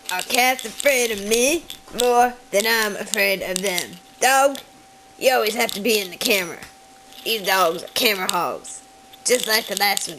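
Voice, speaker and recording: A woman voicing a timid, childlike male puppet who is wary of cats, speaking slowly and simply to the children in a puppet show. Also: mid-range voice, background noise, close to an everyday voice. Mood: scolding. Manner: talks straight to the children, slow and simple.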